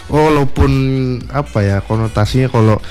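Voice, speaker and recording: A man's voice: medium pitch, moderate pace, darkish tone, soft background music. A man chatting casually as a guest on a radio show. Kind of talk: casual chat.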